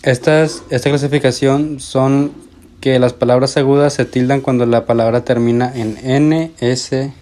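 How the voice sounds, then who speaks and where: Halting man with a mellow voice. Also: medium pitch, steady tone. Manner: halting, with fillers and self-corrections. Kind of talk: reading a school presentation.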